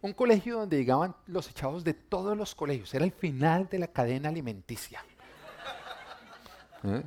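A man, a pastor, preaching a sermon told through personal stories, talking conversationally and dropping to a soft voice for tender moments. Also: a little high, lively intonation, normal speed.

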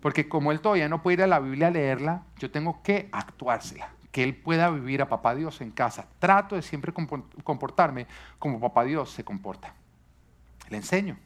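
A man's voice: a little high, animated, normal speed. Earnest man preaching. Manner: earnest teaching with rhetorical questions. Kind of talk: sermon on parenting.

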